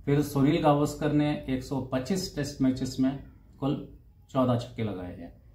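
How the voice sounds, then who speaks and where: A man casually reading out cricket statistics, saying the numbers in both Hindi and English and pausing now and then over names and figures. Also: medium pitch, animated, dark tone. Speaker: cricket stats presenter. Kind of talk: casual talk. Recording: roomy echo with faint ambience.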